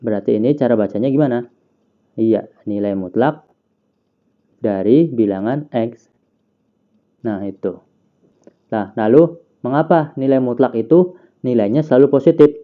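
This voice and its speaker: A man's voice: medium pitch, moderate pace, pauses often, narrow, tinny audio. A man teaching a math lesson, patiently explaining, asking questions and answering them himself. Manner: patient, asks and answers own questions, counts aloud.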